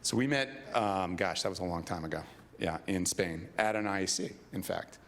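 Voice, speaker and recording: Man, very low voice, conference moderator, filler-heavy, hesitant introduction. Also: slight background noise. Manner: halting, many fillers. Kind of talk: casual introduction speech.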